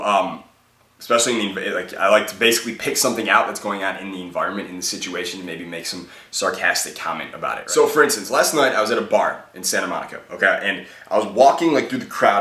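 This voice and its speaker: A man's voice: low voice, sharp tone. A young man giving casual dating advice in a laid-back, chatty way, peppering his talk with "like" and "okay?". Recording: echoey room, mic at a distance.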